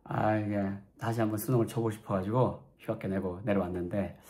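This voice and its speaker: A man's voice: fairly low pitch, fairly even intonation, a little fast, dark tone. A man from Daegu with a Gyeongsang accent, chattily telling his own story as a channel host, with self-mocking asides. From Daegu, South Korea. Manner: chatty, self-mocking, acts out quoted lines. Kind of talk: storytelling vlog.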